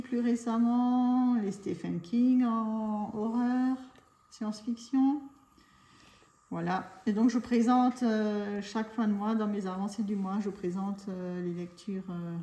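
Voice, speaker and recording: Woman, casual hobby chat, rambling with fillers, mellow tone, roomy echo. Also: mid-range voice. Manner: chatty, rambling with many fillers. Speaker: craft YouTuber. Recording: echoey room.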